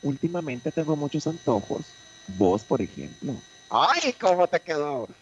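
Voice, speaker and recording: A man's voice: mid-range voice, very animated, normal speed, a little mellow, husky, highs cut off. A man playing a flirty, sassy woman on a comic radio bit, teasing and affectionate as she calls everyone her love. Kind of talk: comic character on a radio show.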